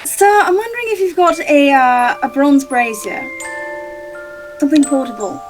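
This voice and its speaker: Very high-voiced giggly woman player. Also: very animated, normal speed. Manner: giggly, casual, swears. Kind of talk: casual tabletop game chat. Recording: music playing behind.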